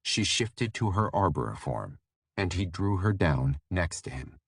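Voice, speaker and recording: Deep, dry male narrator for fantasy audiobook; steady, measured read. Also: breathy edge, dry recording.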